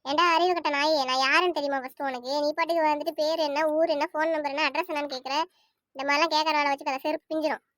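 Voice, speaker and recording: A tough, tall young woman in a cartoon snaps out threats and scoldings, as a woman voices her. Her voice sits high and rattles along quickly, recorded close and dry. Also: steady tone, fairly bright tone, no room sound. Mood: angry. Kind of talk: cartoon voice acting.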